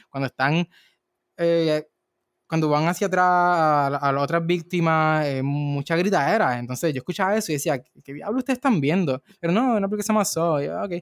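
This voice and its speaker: A man's voice: fairly high pitch, dry recording, clean studio sound. A man co-hosting a casual film discussion, telling stories with lots of restarts and rambling asides. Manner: rambling storyteller with many restarts. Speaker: podcast co-host.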